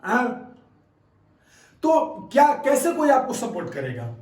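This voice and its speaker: Guy with a really high voice giving his opinion to viewers, repeats himself a lot, sounds kinda far off in an echoey room. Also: huge pitch swings, slow, a little mellow. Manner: conversational, keeps asking "haan?" to viewers; emphatic, repeats points. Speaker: fitness academy coach and channel host. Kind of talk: casual opinion talk to camera. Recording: roomy echo, voice set back from mic.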